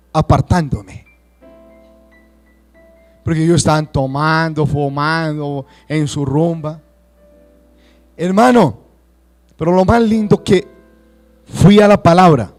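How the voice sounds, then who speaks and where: A Colombian man preaching a sermon to his congregation, rising to shouts and acting out churchgoers' excuses. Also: high voice. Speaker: pastor.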